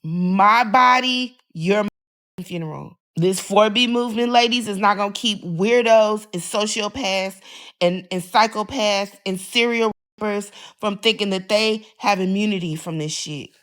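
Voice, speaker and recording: A woman's voice: mid-range voice, normal speed. A woman ranting defiantly to camera, swearing often and making threats. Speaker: social media poster. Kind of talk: angry rant to camera.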